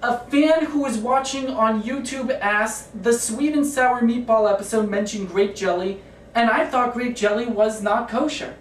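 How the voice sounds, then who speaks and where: A woman co-hosting a cooking show, reading viewer questions in a brisk, announcer-like way. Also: fairly high pitch, slight background noise. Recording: echoey room, mic at a distance.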